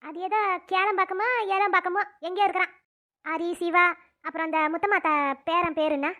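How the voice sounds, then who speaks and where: A woman's voice: very high-pitched, flat delivery, a little fast, pushed and bright. A woman doing a grumbling old cartoon father.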